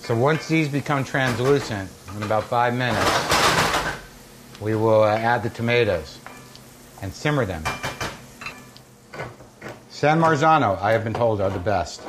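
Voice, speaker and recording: A man's voice: medium pitch, lively intonation, measured pace, long pauses, noisy background. A middle-aged American man hosting a casual comedy cooking show, chatting through steps and anecdotes in a wry, blunt, profane, conversational way.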